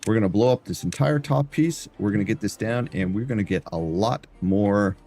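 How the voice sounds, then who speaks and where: A man's voice: on the low side, fairly quick, dark tone, faint music behind. A man streaming live, chatting loosely through gameplay and often stumbling over and repeating his words.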